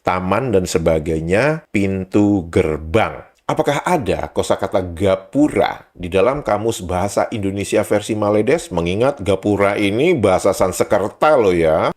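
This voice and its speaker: A man's voice: lowish voice, darkish tone. A man hosting a commentary monologue, mocking and firing off rhetorical questions. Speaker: host.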